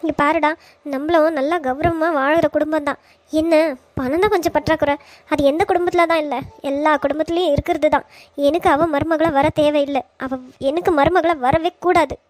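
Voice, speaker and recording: A woman's voice: sits high, fairly even intonation, a little fast, no echo, natural voice. A woman voicing a hurt mother in a Tamil cartoon, talking in an emotional, pleading way. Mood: upset.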